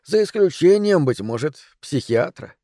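A man voicing a calm, patient doctor who speaks in a measured, reassuring way. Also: fairly high pitch, dry recording, clean studio sound.

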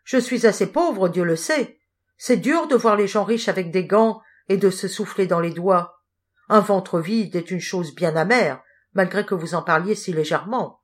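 A woman's voice: mid-range voice, moderate pace, lightly acted. A woman voicing a poor, proud young poet and thief who answers back with heated indignation. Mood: indignant.

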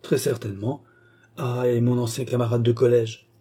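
A flustered aristocratic baron, bewildered and exclaiming, yet indulgent, as a male reader voices him. The tone is very dark and mellow with a husky grain. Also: medium pitch, level tone, moderate pace, lightly acted.

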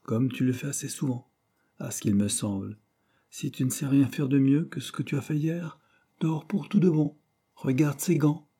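A man's voice: medium pitch, fairly even intonation, normal speed, dark tone, slightly rough, voice pushed up. A man voicing a strict older male Quaker factory manager who scolds severely and with emphasis. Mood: stern scolding.

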